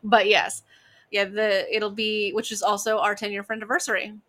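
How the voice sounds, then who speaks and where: Rambling and laughing through lots of fillers, a dungeon master in her thirties shares a casual chat with friends. She has a medium-pitched, fairly bright voice with a level tone and speaks at a normal speed.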